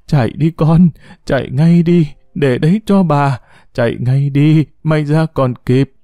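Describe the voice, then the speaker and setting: Brief: man doing an old grandmother in an audio story, high, broken, desperate shouts. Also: animated, moderate pace, no room sound, lightly acted.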